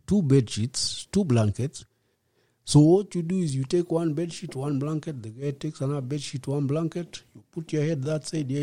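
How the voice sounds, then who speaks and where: Mellow-voiced Kenyan man in his fifties. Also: on the high side, dry recording. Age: 50s. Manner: reflective, unhurried, slips in Swahili words. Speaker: guest. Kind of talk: personal storytelling in a podcast interview.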